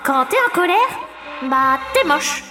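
A woman voicing a small, blunt, cheeky magic mirror in a children's story, speaking in a high, squeaky, teasing voice. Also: expressive, measured pace, sharp tone, soft background music, full character voice.

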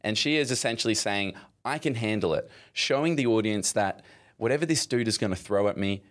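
Casual guy, lowish voice, easy explainer on a chat podcast. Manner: chatty, explains with quick asides. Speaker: podcast co-host.

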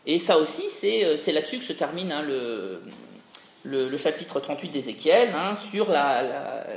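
Lively high-voiced man lecturing in an echoey room. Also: moderate pace, gravelly. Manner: discursive, frequent hein tags and restarts. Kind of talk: academic lecture. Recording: roomy echo.

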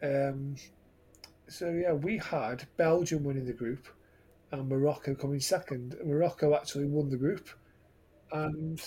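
A man's voice: on the high side, fairly even intonation, measured pace, dark tone, slightly rough. A man co-hosting a casual football podcast, rambling and often laughing. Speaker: podcast co-host.

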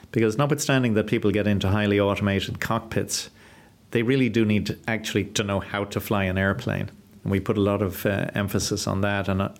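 Flight training head, low voice, earnest, lots of ums. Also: male voice. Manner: earnest, measured, with many fillers. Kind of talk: interview answers.

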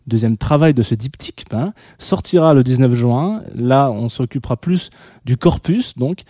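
A man's voice: medium pitch, lively intonation, normal speed, dark tone, dry recording, clean studio sound. A male radio host in casual late-night music chat, rambling with many fillers and restarts.

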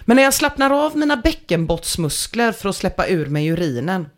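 A woman reads a story aloud on a talk show, her pitch swinging widely from low to high. She tells it with energy and breaks into laughter now and then, keeping it lively. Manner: animated, laughing through the story. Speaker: podcast host reading a story aloud. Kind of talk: reading a listener story aloud with comments.

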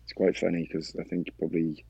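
Deep gravelly man, halting and dull. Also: level tone, warm tone, no room sound. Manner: halting, many fillers and restarts. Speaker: guest sharing his story. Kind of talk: casual interview chat.

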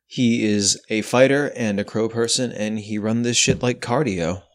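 A man's voice: on the low side, normal speed. A man bantering casually as a player on a tabletop role-playing podcast.

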